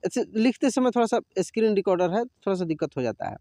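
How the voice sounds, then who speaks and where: A man's voice: high-pitched, expressive, quick pace, warm tone, dry recording, studio quality. A man teaching a Hindi reading lesson over a screen recording, patiently repeating each word aloud.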